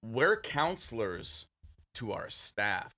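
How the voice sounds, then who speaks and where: A man's voice: medium pitch, sing-song, slow, pushed and bright. A man who works as a chef in casual podcast chat, joking and explaining with emphasis.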